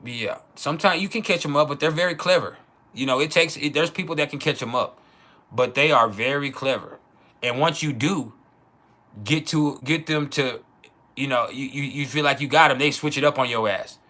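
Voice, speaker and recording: A man with a bright, forceful voice at a middling pitch hosts a casual livestream monologue. His talk is slangy and full of swearing, and he repeats key phrases to drive them home. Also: normal speed. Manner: profane, slangy. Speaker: astrology livestream host.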